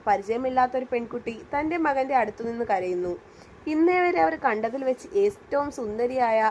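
A woman's voice: on the high side, a little mellow, slight background noise. A woman reading a serialized romance story aloud as a scripted narration.

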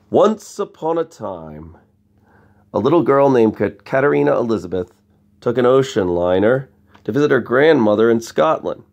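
Here a man's medium-pitched voice carries some vocal fry and a slightly mellow quality. He gives an expressive bedtime read-aloud of a picture book, sprinkling in conversational asides and questions aimed at the children listening.

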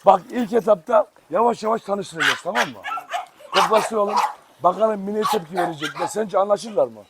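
Out in a yard, a man with a fairly high voice hosts a relaxed vlog from his dog farm at a moderate pace. He chats with viewers and coaxes his dogs affectionately. The outdoor recording is noisy.

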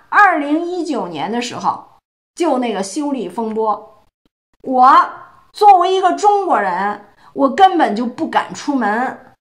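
A woman from China giving a solo political commentary, emphatic and full of rhetorical questions. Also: a little high. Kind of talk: solo opinion monologue.

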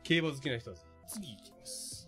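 A man unboxing products on a stream, chatting casually and exclaiming in surprise with rough, informal speech. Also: medium pitch, sing-song, fast talker, bright, forceful tone, soft background music.

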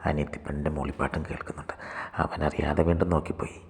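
A man reads a short story at a fast, steady clip, his voice extremely low with gravelly fry. The sound carries a long hall reverb. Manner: steady, quick read-aloud. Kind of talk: scripted story narration.

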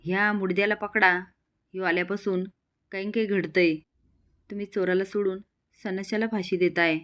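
A woman's voice: mid-range voice, steady tone, moderate pace, a bit bright, lightly acted. A woman reading a scolding old village grandmother. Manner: scolding, defensive.

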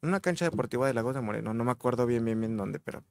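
A man's voice: mid-range voice, very fast, gravelly, a little mellow. A masked male wrestler with a Mexican accent, speaking casually as a podcast guest and talking in an easygoing, hesitant way with many fillers. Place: indoor studio set with a backdrop. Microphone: table microphone on a stand.

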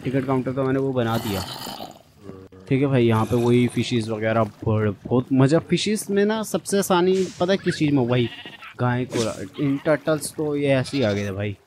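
A man's voice: medium pitch, normal speed, background noise. A young man giving casual, chatty commentary on his own gameplay and talking straight to his viewers. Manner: chatty, addresses viewers as brother. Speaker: gaming channel host.

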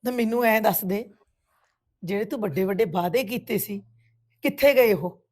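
A woman's voice: mid-range voice, normal speed, a little mellow, lightly acted. An actress with a Punjabi accent playing a grieving village woman who bitterly reproaches a family friend. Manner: reproachful, tearful accusations. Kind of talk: village web series drama.

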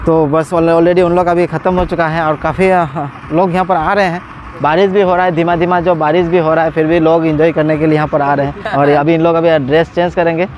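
A man's voice: on the high side, a little hiss or hum. A man in his forties with a cold, chatting casually as he vlogs at an outdoor water park, filming himself by phone at arm's length. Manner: chatty, excited, laughs often, many filler pauses. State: has a cold. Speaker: vlogger. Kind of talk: casual vlog commentary. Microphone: phone selfie at arm's length.

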